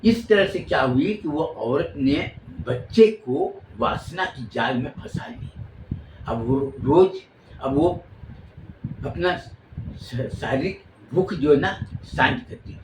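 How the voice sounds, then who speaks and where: A man's voice: a little high, expressive, slow, echoey room, a little hiss or hum, low-quality recording. A man casually telling a long story in spoken style, rambling and often repeating and recapping himself.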